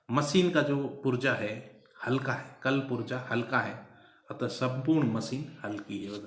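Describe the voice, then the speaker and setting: A man teaching a college class, explaining step by step with repeated examples and drawn-out key words. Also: mid-range voice. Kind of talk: recorded classroom lecture. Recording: echoey room on a phone recorder.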